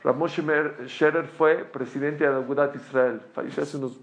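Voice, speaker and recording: A man who tells a teaching story in a sermon, animated and swinging between loud and hushed. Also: a little high, moderate pace, highs cut off. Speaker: religious teacher.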